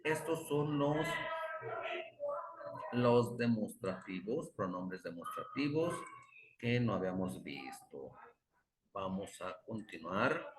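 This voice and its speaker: A man with a lowish voice teaching a class at an unhurried pace. He drills the same short examples again and again and patiently corrects his own slips. The sound is roomy, with the echo of a classroom. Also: very animated, a little hiss or hum. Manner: stops to correct himself. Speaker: English teacher. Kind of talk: classroom grammar explanation. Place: classroom with students.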